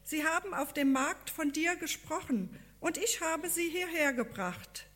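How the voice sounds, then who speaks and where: A woman voicing an excited, gesturing male village farmer who talks eagerly and insistently. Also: on the high side, slow, exaggerated voice. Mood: proud.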